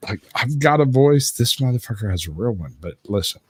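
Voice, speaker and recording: A man's voice: mid-range voice, lively intonation, a little fast, breathy edge. A man hosting a casual group livestream, bantering freely and swearing as he goes. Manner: profane, bantering. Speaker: livestream host. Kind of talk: casual group stream chat.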